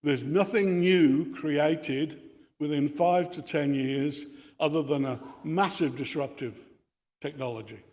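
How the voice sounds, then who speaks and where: Speaking slowly in a fairly high, darkish voice, an older Australian man gives a technical lecture as the amateur radio club's speaker. The setting is an indoor meeting room with equipment on a bench, and the recording carries the reverb of a hall.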